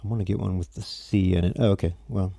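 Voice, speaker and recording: Tired gravelly man teaching music theory. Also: low-pitched, fairly even intonation, quick pace, warm tone, no echo, clean studio sound. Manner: rambling, self-interrupting, chatty with viewers. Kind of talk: casual livestream lesson.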